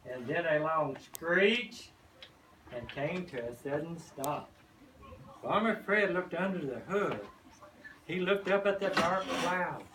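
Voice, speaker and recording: An older man with a folksy grandfatherly manner, reading a children's storybook aloud and pausing to explain the pictures to children. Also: fairly high pitch. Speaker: grandfather reading to a first grade class, farmer. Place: echoey indoor classroom. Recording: roomy, distant microphone, noisy background.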